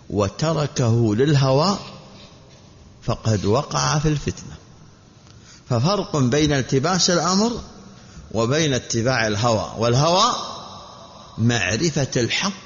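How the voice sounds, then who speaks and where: Male preacher, slightly high voice, measured sermon delivery, dull reverberant hall recording. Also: a bit bright. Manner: measured, repetitive teaching delivery with rhetorical questions. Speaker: Islamic preacher.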